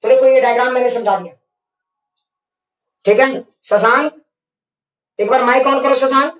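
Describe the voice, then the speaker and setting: A man's voice: very high voice, steady tone, normal speed, a bit bright. A man teaching physics in an online class who coaxes and playfully scolds his students and keeps checking whether they follow. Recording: echoey, distant, dull mic.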